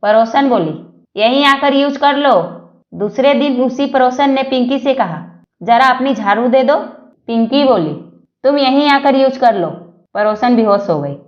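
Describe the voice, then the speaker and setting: Lively high-voiced woman reading jokes. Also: unhurried, roomy sound, lo-fi sound. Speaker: joke narrator. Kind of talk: read-aloud jokes.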